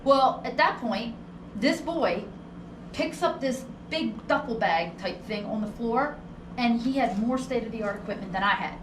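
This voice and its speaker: A woman's voice: on the high side, animated, a little slow. A woman working as a ghost tour guide, telling stories casually and conversationally, acting out what people said. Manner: conversational, acts out quoted dialogue. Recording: roomy, distant mic with noticeable background noise.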